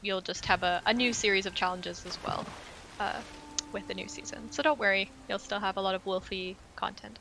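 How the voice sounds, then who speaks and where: A woman's voice: medium pitch, fairly even intonation, fairly quick, noisy background. A woman co-hosting a live game community stream, upbeat, explaining updates and answering chat questions.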